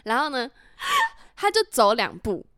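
A woman's voice: a little high, very animated, measured pace, fairly bright tone, clear, resonant tone, no room sound, studio quality. A young woman with a Taiwanese Mandarin accent, co-hosting a casual podcast chat, telling a story and acting out the quoted lines with frequent laughs. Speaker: podcast co-host.

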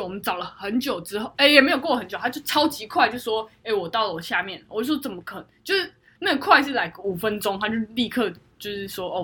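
A woman's voice: mid-range voice, a bit bright, breathy edge. A woman co-hosting a podcast, telling a story with lots of laughter and English words mixed in. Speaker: podcast co-host. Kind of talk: casual chat.

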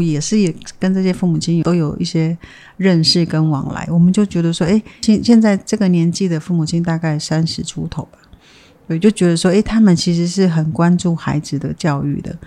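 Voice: medium pitch, warm tone. An adult who runs community childcare, speaking thoughtfully in an interview and often restarting phrases. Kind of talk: reflective interview talk.

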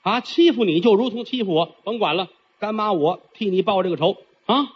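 A man voicing an older dragon mother, a protective figure who gives brisk, indignant commands. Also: high-pitched, breathy edge. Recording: dull lo-fi recording.

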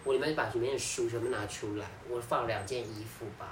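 A woman's voice: extremely low pitch, fast talker. A young woman, telling a story in casual podcast chat with lots of laughter. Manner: animated storytelling, laughs often. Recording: echoey room, distant mic, background noise.

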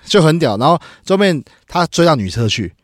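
A man's voice: fairly high pitch, a little fast, dry recording, studio quality. A young man with a Taiwanese Mandarin accent hosts a podcast, telling a story in casual chat, laughing often and acting out the people in it. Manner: animated, laughing storyteller who acts out quotes. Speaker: podcast host. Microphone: studio microphone.

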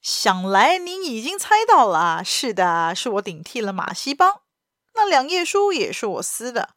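A woman reads out a suave gentleman thief who mocks his rival in a quick, confident voice. The lines come through a dry, close recording with little room sound, and his voice sits only a little off from the reader's own. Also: on the high side, sing-song, no room sound. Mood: mocking. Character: mocking, suave gentleman thief, adult man.

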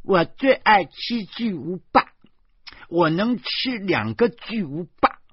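A man reading a storybook, voicing a bold, stubborn little girl in a high childish voice. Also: sing-song, slow pace, husky, no echo, lo-fi sound, exaggerated voice. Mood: eager.

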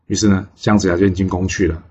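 A man retelling a classic legend in a chatty, casual way, pausing on fillers. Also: sits low, flat delivery, darkish tone, highs cut off, a little hiss or hum. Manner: chatty, with many pauses on fillers. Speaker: storyteller.

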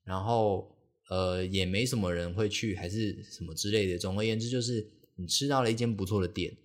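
A man's voice: fairly low pitch, brisk. A young man hosting a podcast, telling a casual, rambling story full of fillers and restarts and acting out the people he quotes. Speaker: podcast host.

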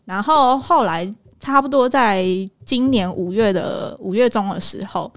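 A woman's voice: a little high, a little slow. Chatty Taiwanese woman podcast host. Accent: Taiwanese Mandarin. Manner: explains at length with many fillers and restarts. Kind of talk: casual chat.

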